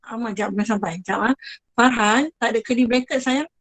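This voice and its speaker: Malaysian lady teacher on a video call, kinda high voice, dry mic, keeps saying sorry and very good. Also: fairly quick, no echo, poor audio. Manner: chatty, apologetic, praising students one by one. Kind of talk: online class with students.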